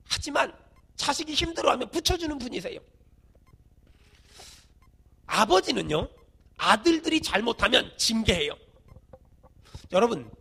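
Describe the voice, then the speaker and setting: Korean pastor preaching with gravelly intensity. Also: male voice. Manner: swings from shouted emphasis to quiet, low asides; leads the congregation in call-and-response. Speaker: senior pastor. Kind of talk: sermon.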